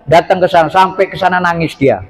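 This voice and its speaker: A man giving a religious lecture, telling lively, humorous stories. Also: sits high, brisk. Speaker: preacher.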